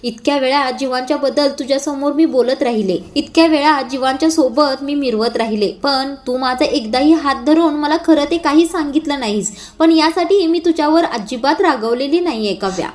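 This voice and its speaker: A woman voicing a caring elder sister who scolds gently and speaks from the heart. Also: sits high, natural voice.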